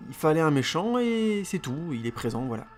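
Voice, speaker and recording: A man's voice: fairly high pitch, sing-song, a little fast, music in the background. A man giving a casual spoken film review as a podcaster, rambling with many fillers and repeated words.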